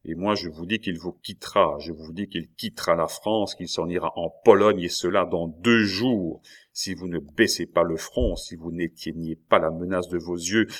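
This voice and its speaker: A feverish young king, bitter and quick to wrath, declaims in a deep, low voice, as a man reads him out. The delivery is agitated and theatrical, pitched like a storybook reading.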